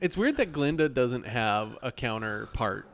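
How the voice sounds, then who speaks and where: A man's voice: mid-range voice, sing-song, measured pace, a bit bright. A man co-hosting a casual movie chat, rambling as he circles around his point.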